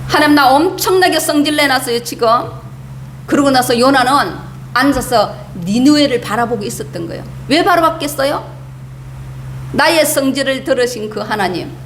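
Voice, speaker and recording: A woman's voice: high voice, roomy sound, slight background noise. A woman pastor preaching a sermon in a church, asking her congregation emphatic rhetorical questions and acting out the complaints of the people she quotes. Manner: acts out the prophet's complaints in quoted speech. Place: church sanctuary.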